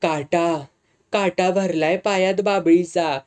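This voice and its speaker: A narrator voicing a shy young village woman speaking softly in rural dialect. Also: on the low side, steady tone, slow pace. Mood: bashful.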